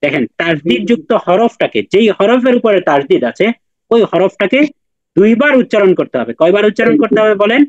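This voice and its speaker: A man's voice: high-pitched, lively intonation, brisk, no echo, highs cut off. A man teaching Quran recitation in an online class, patiently repeating and drilling letter sounds with his students.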